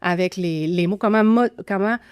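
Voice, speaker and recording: Speaking at a moderate pace in a smooth, medium-pitched voice, this podcast guest explains teaching methods as a grammar teaching expert. She has a Québécois accent and is thoughtful, often using fillers and restarting sentences; the studio sound is clean with no room sound.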